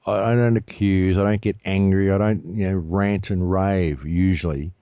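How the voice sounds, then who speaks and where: A man's voice: deep voice, fairly even intonation, normal speed, clean tone, no room sound, highs cut off. A man speaking as a guest on a radio talk show, passionate and insistent, often repeating phrases for emphasis. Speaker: guest commentator.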